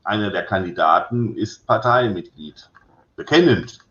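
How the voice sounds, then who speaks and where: A careful, wry police president who chooses his words and sighs over delicate matters, as a man reads him aloud. The voice sits low, and the recording is roomy and a little muffled. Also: expressive, a little slow, fairly bright tone. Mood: wry, cautious. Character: male police president, friend of the inspector, cautious. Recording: roomy echo, slightly dull sound.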